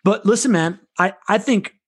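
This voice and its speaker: A man in his forties from Venezuela, chatting casually, loose and animated, swearing and laughing often. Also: high-pitched, moderate pace, slightly rough. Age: 40s. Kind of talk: casual chat.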